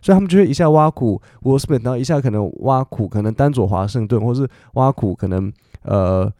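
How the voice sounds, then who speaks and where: A man's voice: medium pitch, animated, fairly quick, mellow, dry recording, clean studio sound. A man, an English teacher explaining things in a chatty podcast style, full of fillers and English asides.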